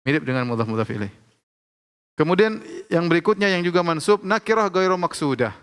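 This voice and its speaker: A man's voice: fairly high pitch, expressive, fairly bright tone, clear, resonant tone. Man teaching in an echoing hall. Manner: explains slowly, repeats examples, frequent "ya" checks. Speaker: Arabic grammar teacher. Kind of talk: classroom lecture. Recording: long hall reverb.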